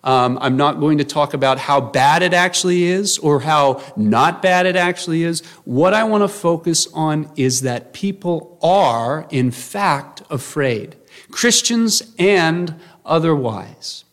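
Earnest, slightly higher-voiced male pastor. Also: expressive, slow, a bit bright. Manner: earnest, conversational preaching with frequent fillers. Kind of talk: sermon.

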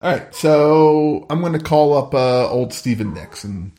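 A man's voice: a little high, lively intonation, measured pace, mellow. A man playing a tabletop game, chatting casually in an informal, meandering way.

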